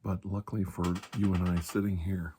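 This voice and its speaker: In an ASMR roleplay with hushed storytelling, a man plays a calm, reassuring doctor treating a patient. His deep voice is soft, breathy and husky, often nearly a whisper, with a measured, halting delivery and a solemn, hushed mood. There's a slight hiss or hum, and he uses his natural voice.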